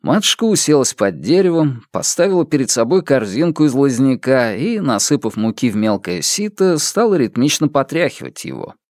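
A man reading a novel aloud in steady, measured narration. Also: medium pitch, dry recording, clean studio sound. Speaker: audiobook narrator. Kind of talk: scripted narration.

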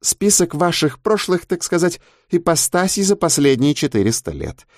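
A man's voice: a little high, very animated, no room sound, clean studio sound, pitched above the performer's own voice. A man voicing a mocking male interrogator who drags out his bureaucratic phrases. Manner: mocking, drawn-out officialese.

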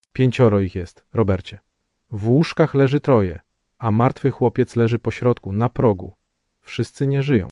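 A man voicing a calm young male wanderer who speaks with cold, friendly mockery. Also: medium pitch, dry recording, lo-fi sound, natural voice. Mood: coolly mocking. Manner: coldly ironic, calm.

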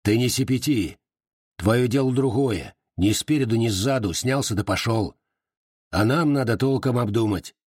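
A man's voice: mid-range voice, moderate pace, a little mellow, no room sound, clean studio sound, close to an everyday voice. A man reading the part of a grim, hot-tempered Cossack veteran in an audiobook, clipped and cold in delivery.

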